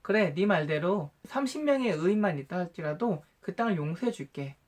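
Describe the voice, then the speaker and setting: A gracious male God from a Bible storybook, read by a man. He answers in a calm, patient and measured way, reassuring and never angry. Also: high-pitched.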